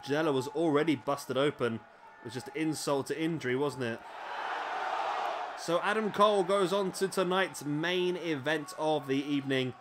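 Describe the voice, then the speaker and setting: A man's voice: fairly high pitch, normal speed, crowd noise, noisy background. A man with hiccups giving casual play-by-play commentary on a wrestling video game. He is chatty, often adds tag questions and corrects himself.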